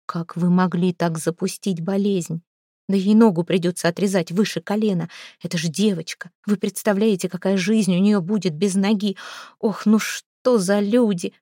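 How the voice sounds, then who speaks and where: A woman voicing a sharp-tongued, weary healer who scolds and gives orders in a raised voice. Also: medium pitch, fairly even intonation, moderate pace, no room sound, clean studio sound, lightly acted. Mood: grim.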